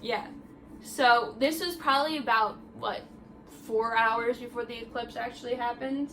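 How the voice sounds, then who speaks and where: A woman's voice: a little high, steady tone, unhurried, background noise. A young woman vlogger chatting casually, telling a story with lots of "like" fillers. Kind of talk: casual chat.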